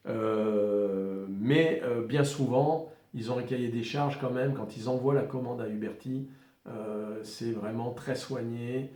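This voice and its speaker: A man's voice: mid-range voice, fairly even intonation, slow pace, warm tone. Hesitant French man, echoey room. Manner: hesitant, many fillers and restarts. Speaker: firearms collector presenting a revolver. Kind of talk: casual video presentation.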